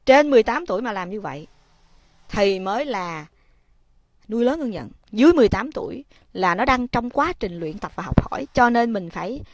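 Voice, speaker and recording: A woman hosting a casual livestream talk. She turns to her viewers often and speaks gently when she gives advice. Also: mid-range voice, expressive, fairly quick. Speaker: livestream host.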